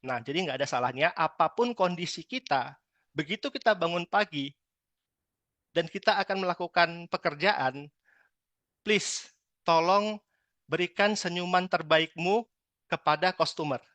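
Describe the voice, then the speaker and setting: A man from Medan giving a lively training talk on customer service, acting out customers now and then. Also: fairly high pitch, normal speed, dry recording. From Medan, Indonesia. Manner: lively, chatty, acts out customer lines. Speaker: sales trainer.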